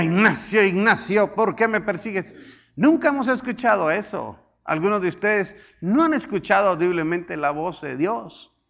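Pastor guy preaching hard, voice jumping all over, kinda muffled old recording. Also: sits high. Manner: dramatic preaching, swings between loud and hushed; asks the congregation to repeat after him. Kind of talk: sermon.

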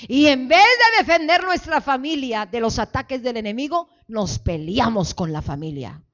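Fervent woman pastor with a high voice, shouting exhortations in a muffled church recording. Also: big pitch swings, normal speed. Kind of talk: call-and-response sermon. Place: church sanctuary.

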